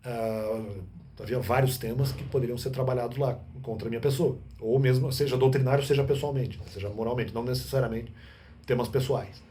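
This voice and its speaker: A man's voice: mid-range voice, fairly even intonation, brisk, mellow, slight background noise. A man in an unscripted monologue, rambling with many restarts and self-corrections. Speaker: vlogger.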